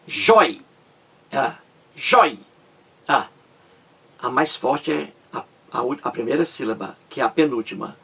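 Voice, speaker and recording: A man teaching grammar, explaining slowly and repeating words and syllables as he checks that the listener follows. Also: mid-range voice, creaky, fairly bright tone, slightly rough. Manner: slow and repetitive, stresses syllables, asks "entendeu?". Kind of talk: explanatory lesson.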